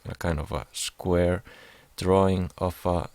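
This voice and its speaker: Very low gravelly man. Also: steady tone, slow pace, a little mellow, dry recording. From Iceland. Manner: hesitant, many fillers and restarts. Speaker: music production student. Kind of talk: explaining a class assignment over slides.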